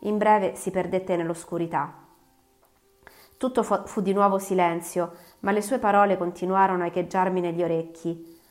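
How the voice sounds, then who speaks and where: A woman narrating an audiobook in a measured, dramatic storytelling manner. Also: lowish voice, steady tone, darkish tone, soft background music. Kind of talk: scripted narration.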